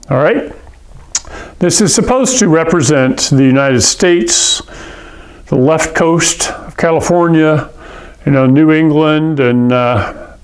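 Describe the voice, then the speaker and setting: In a classroom lecture, a man from Hawaii with a slightly high, darkish voice patiently explains a science lesson, often checking in with "okay?" and "all right?"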